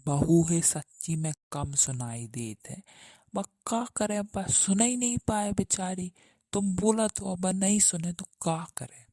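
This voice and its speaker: Woman playing a calm old father-in-law. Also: lowish voice, a little slow, no room sound. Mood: soothing. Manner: calming, patient, rustic speech.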